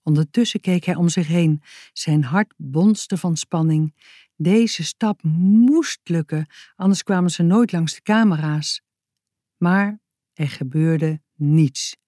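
A woman narrating a children's audiobook in a calm, measured storytelling manner, close to the mic. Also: low-pitched, no room sound.

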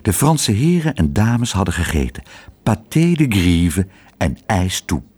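A man narrating a children's story, reading in an expressive, animated way. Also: deep voice, unhurried, breathy edge.

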